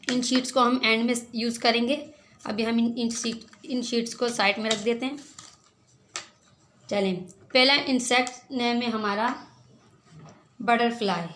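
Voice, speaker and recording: Slow, patient woman spelling words aloud. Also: on the high side, steady tone, a bit bright, a little hiss or hum. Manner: checks in with listeners, asking "clear?". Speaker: teacher. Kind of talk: children's vocabulary lesson.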